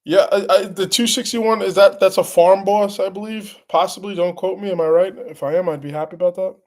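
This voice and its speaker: A man's voice: high-pitched, steady tone. Congested man rambling on a live stream. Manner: rambling, halting, many restarts. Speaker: channel host answering live chat. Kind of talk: casual live stream chat.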